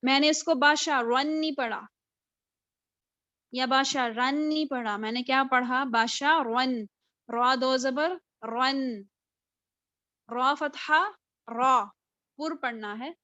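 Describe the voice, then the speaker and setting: A woman teaching Qur'an recitation in a live online class, patiently drilling each letter and spelling words out slowly, syllable by syllable. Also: high-pitched, sharp tone, dry recording. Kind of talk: live online tajweed lesson. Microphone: video call. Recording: dull lo-fi video call audio.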